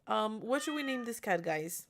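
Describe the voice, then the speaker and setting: A young adult woman whose first language isn't English streams a game alone in her room, chatting casually, giggling and reading chat messages aloud. Her voice is a little high and expressive, at a moderate pace.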